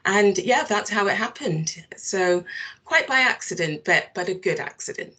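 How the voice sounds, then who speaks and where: A woman's voice: mid-range voice, lively intonation, normal speed, bright, forceful tone, husky. A middle-aged woman from London and Barbados giving reflective, thoughtful interview answers, picking her words as she goes. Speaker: social worker being interviewed.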